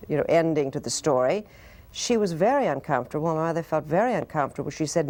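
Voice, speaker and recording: A woman, the daughter of an actress, speaking calmly and thoughtfully in an interview. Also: lowish voice.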